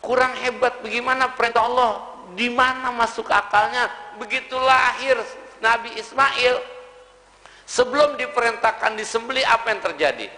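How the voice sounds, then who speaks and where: A man, preaching a lively, joking sermon in colloquial slang to a mosque congregation. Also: extremely high pitch, normal speed. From Indonesia. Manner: lively humorous storytelling in Betawi-style slang. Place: mosque hall. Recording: reverberant mosque hall.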